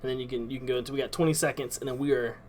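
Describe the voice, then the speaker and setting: A man's voice: medium pitch, fairly even intonation, racing, a little hiss or hum. A man co-hosting a casual podcast in a laid-back way, calling his friends dude and bro. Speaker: podcast co-host.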